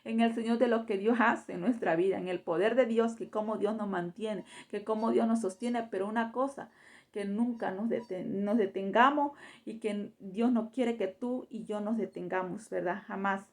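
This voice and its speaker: A woman's voice: medium pitch, moderate pace. A woman preaching a sermon fervently in Spanish, filling her phrases with repeated tag questions. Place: church.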